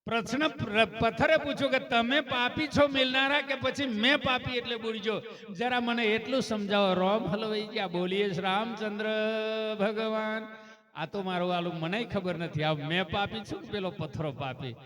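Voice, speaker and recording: A man preaching a devotional sermon, telling a religious story and calling out praise cries to his listeners. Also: sits high. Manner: calls out chanted praise cries between story passages; asks the listeners rhetorical questions.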